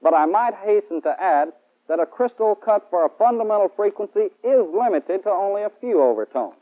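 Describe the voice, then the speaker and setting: A man's voice: high-pitched, lively intonation, fairly quick, phone-quality sound. An American man in his thirties giving a formal, methodical lecture as a military instructor in a 1960s training film. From United States. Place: indoor studio set. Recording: band-limited old 1960s film soundtrack.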